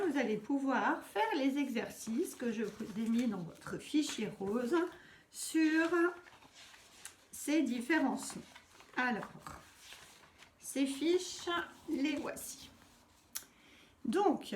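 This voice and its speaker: A woman's voice: fairly high pitch, a little mellow. A woman primary school teacher from France, patiently explaining worksheet exercises to young children step by step. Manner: slow, patient, clearly spelling out each step. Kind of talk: recorded lesson instructions for young children.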